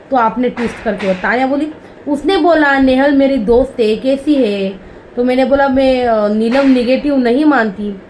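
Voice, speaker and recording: A woman giving a casual, chatty recap of a reality show episode, peppered with fillers and quick quotes of the contestants. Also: mid-range voice, darkish tone, slight background noise, low-quality recording. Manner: chatty, lots of "bhai" and "hmm" fillers.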